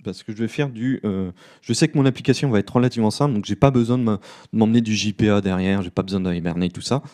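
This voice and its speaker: A man giving a live coding talk at a conference, relaxed and self-deprecating, with many fillers. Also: on the low side, fast. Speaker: conference speaker. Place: conference room.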